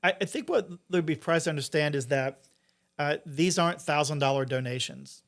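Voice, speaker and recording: A man's voice: on the high side, a little fast, fairly bright tone. A middle-aged man speaking conversationally as a guest in an interview, explaining things informally. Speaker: interview guest, entrepreneur and investor.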